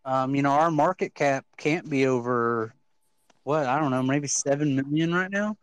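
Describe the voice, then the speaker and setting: A man with a clear, resonant mid-range voice at a moderate pace co-hosts an online crypto talk show. He's casual, enthusiastic and persuasive, often restarting as he talks, and the recording is low quality though without echo.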